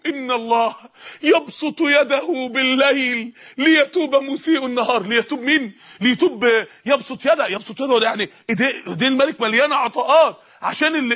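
A man's voice: very high-pitched, bright, forceful tone, husky. A male preacher with an Egyptian accent giving an impassioned sermon, telling stories and rising to cries. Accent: Egyptian Arabic. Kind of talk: emotional sermon.

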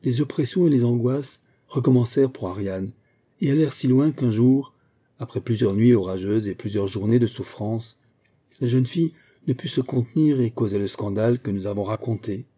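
A man reading a classic novel aloud as an audiobook narrator, in a measured, even way. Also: medium pitch, breathy edge. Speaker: audiobook reader.

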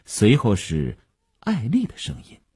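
A man narrating a novel in an expressive, dramatic reading. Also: medium pitch, measured pace, slightly rough. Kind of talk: storytelling reading.

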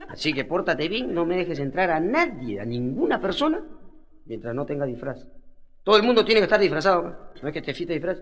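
A man with a Peruvian Spanish accent telling street jokes as a comedian, in rapid slang, acting out the characters and laughing along. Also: on the high side, sing-song, rough recording. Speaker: stand-up comedian.

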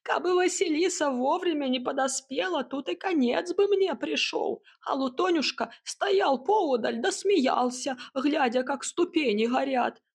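A shrill, cackling old hut. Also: female voice, unhurried, hardly any pauses. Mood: cackling, indignant. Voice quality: shrieking, cackling. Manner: indignant, sharp-tongued. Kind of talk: audiobook character voice.

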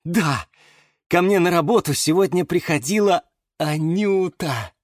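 A man's voice: high-pitched, sing-song, a little slow, no room sound, studio quality, voice pushed up. A man voicing a cheerful young man in love, beaming and sing-song, in a children's storybook.

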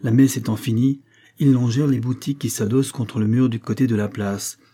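Mellow, husky male audiobook narrator. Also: medium pitch, fairly even intonation, fairly quick. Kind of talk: scripted narration of a classic novel.

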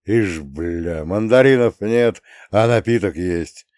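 A man voicing a gruff old war veteran grandpa. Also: lowish voice, takes it slowly, a little mellow, no room sound, clean studio sound. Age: older. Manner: coarse, swearing, grumbling.

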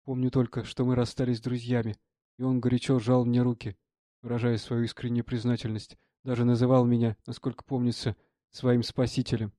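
A man narrating a literary audiobook in a calm, measured way. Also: medium pitch, no echo, studio quality.

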